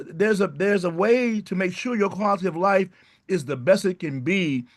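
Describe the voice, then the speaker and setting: A woman's voice: fairly low pitch, no echo, clean studio sound. A middle-aged woman, a pediatric hematologist on a video-call panel, giving earnest, urging medical advice.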